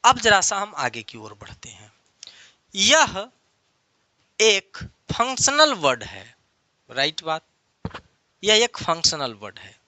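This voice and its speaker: A man's voice: high-pitched, huge pitch swings, takes it slowly, pauses often, bright, forceful tone, dry recording. A man teaching an online English lesson, explaining patiently and repeating key phrases many times over.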